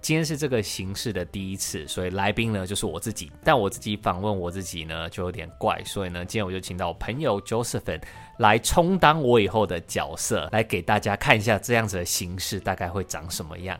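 A man, a podcast host who tells his own story as the guest in an animated way. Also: deep voice, fairly quick, soft background music. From Taiwan. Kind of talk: podcast interview.

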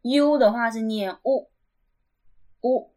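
A woman hosting a casual language lesson podcast, patiently repeating each sound slowly and clearly. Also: fairly high pitch, dark tone. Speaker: podcast host.

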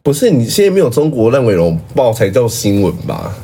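Animated, laughing man telling stories. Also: medium pitch, brisk, husky. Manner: animated storyteller, laughs often, acts out family quotes. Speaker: podcast co-host. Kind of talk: casual chat.

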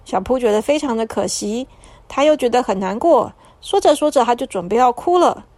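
A woman narrating a bedtime story for children in a soft, soothing manner. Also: fairly high pitch, animated, dry recording. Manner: soft, soothing, slow at the end.

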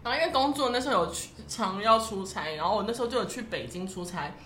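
A woman with a soft Taiwanese Mandarin accent, chatting casually and telling stories about work. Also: medium pitch, fast. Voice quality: soft Taiwanese-accented delivery, no retroflex curling. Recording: roomy echo, faint background noise.

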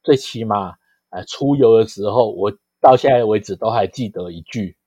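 A middle-aged man with a Taiwanese Mandarin accent speaks in a fairly low voice. He tells anecdotes conversationally and explains as he goes, dropping in small interjections. The sound is dry and close. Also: moderate pace, dark tone, husky, dry recording. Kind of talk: conversational storytelling.

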